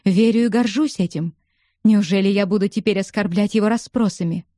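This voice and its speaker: A woman's voice: medium pitch, a little fast, mellow, dry recording, natural voice. Audiobook heroine read by a woman: loyal, upset young woman pleading, dry booth sound. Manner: pleading, emotional.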